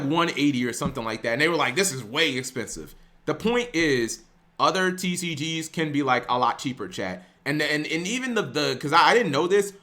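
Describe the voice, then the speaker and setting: A man's voice: medium pitch, sharp tone. A young man streaming, ranting casually to his live chat with lots of restarts and some swearing.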